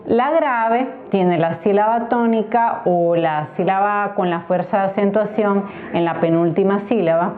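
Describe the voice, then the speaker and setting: Patient Spanish teacher woman, tinny sound. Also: medium pitch. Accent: Nicaraguan Spanish. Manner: patient, spells out syllables slowly. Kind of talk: explaining a grammar tutorial. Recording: tinny phone-like recording.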